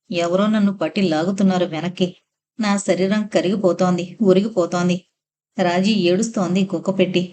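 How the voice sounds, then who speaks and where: A woman's voice: on the low side, a little mellow. A woman narrating a novel aloud in the first person, with an emotional reading style. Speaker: audiobook narrator.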